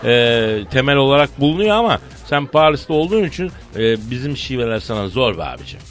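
A man's voice: medium pitch, sing-song, brisk. Teasing male radio comedy host with a Tokat-Elazığ accent. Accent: Tokat-Elazığ Turkish. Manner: theatrical, teasing, sing-song greetings. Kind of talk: comic morning radio banter. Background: music bed.

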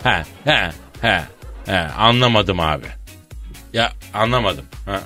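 A man hosting a comedy radio show, joking and laughing through quick asides. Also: on the low side, animated, pushed and bright, soft background music. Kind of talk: comic radio banter.

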